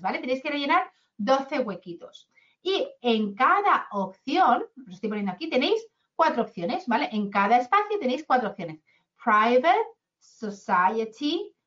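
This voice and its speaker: Woman, English teacher, chatty, high voice, muffled lo-fi sound. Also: a bit bright. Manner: chatty, asks "¿vale?" often. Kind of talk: online grammar lesson. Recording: dull lo-fi sound.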